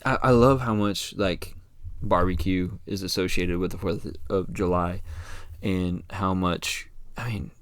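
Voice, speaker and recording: Low-voiced rambling American podcast host. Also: male voice, unhurried, dry recording. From United States. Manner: rambling, relaxed, many fillers and restarts. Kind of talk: casual solo podcast chat.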